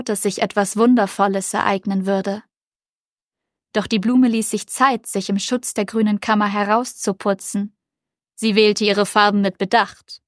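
Eine Frau, die ruhig und sanft ein Märchen vorliest. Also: female voice, medium pitch, dry recording, clean studio sound. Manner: calm, gentle, measured. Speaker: narrator. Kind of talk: storybook reading.

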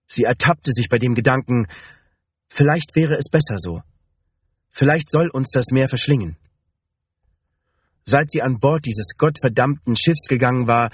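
Husky male audiobook narrator. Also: mid-range voice, no room sound, studio quality.

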